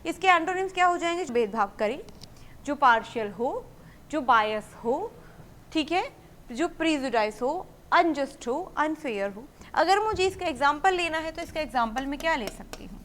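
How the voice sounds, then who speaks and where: Working through vocabulary for exam takers, this female English teacher breaks down every word in stages and answers her own questions. Example sentences in English come out slow and clear. She sounds high-pitched, expressive and fairly bright, over light background noise.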